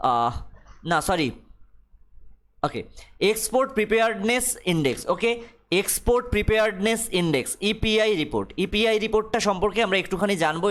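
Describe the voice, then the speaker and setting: Bengali-accented male tutor, high voice, slow careful reading then quick explanations with "okay?" checks. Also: a bit bright. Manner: reads English text slowly, explains quickly, checks with "okay?". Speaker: exam coaching teacher. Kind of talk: explaining a newspaper to students.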